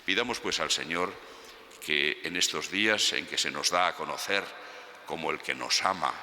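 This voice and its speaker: Male priest, deep register, measured homily delivery, long cathedral reverb with faint noise behind. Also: pushed and bright. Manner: measured, solemn, phrase by phrase. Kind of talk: homily and liturgical prayer.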